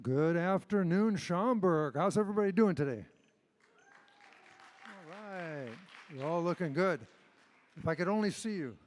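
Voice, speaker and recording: A chatty American man in his seventies talks to a crowd from the stage in an informal, joking way. His voice is fairly high and echoes through a large hall. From Illinois, United States. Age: 70s. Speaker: auctioneer presenting on stage. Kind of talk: informal stage presentation with jokes.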